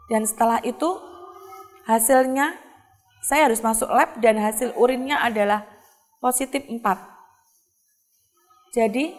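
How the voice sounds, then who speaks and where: Brief: middle-aged woman, slightly high voice, earnest halting testimony, long reverb behind her. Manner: earnest, halting, with many pauses and fillers. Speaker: guest telling her life story. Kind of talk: personal testimony.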